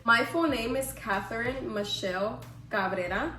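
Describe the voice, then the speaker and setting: Sounding a little high, pushed and bright, this Houston, Texas vlogger in her twenties speaks somewhat slowly, her voice touched by a cold. She addresses viewers casually with slang and jokes at her own expense. There's echo from the room and music running underneath.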